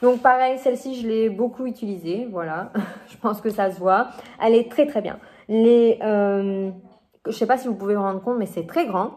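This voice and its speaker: A woman's voice: fairly high pitch, moderate pace, a little mellow. Chatty, hesitant woman reviewing makeup. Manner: hesitant, many fillers and restarts. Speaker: beauty vlogger. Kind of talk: casual product review chat.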